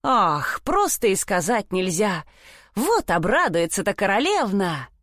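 A woman's voice: mid-range voice, big pitch swings, unhurried, fairly bright tone, dry recording, clean studio sound. A woman doing a whooping, cheerful peasant lad. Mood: rowdy glee. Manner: boisterous, whooping, boastful. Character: cheerful simple-minded young peasant lad.

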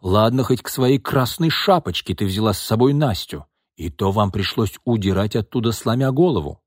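An irritable young man grumbles in a low, sharp voice, as a male narrator acts him out. The storybook reading is dry and close-miked. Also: expressive, normal speed, no echo. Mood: irritated.

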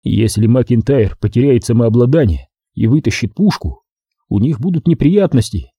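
Husky mellow male audiobook narrator. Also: mid-range voice, sing-song, normal speed, dry recording, clean studio sound. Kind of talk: scripted narration.

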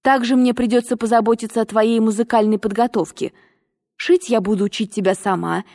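A stern, cold aunt who gives her orders in a dry, clipped tone, as a woman reader puts her on. She pitches her voice lower and keeps it mellow, and the reading carries a long reverb. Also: steady tone, fairly quick, natural voice.

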